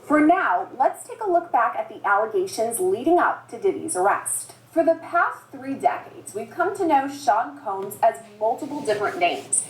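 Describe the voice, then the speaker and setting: A woman news reporter with a polished, measured delivery in a broadcast report. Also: fairly high pitch, very animated, a little hiss or hum. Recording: echoey news clip with faint background.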